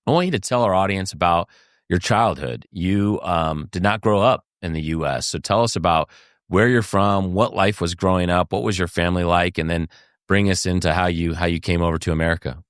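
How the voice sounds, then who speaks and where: A male host with a low voice asks his guest long, open questions in an encouraging way. The recording is close and dry, with no room sound. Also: fairly quick, clear, resonant tone, dry recording. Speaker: interview host. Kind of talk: conversational interview.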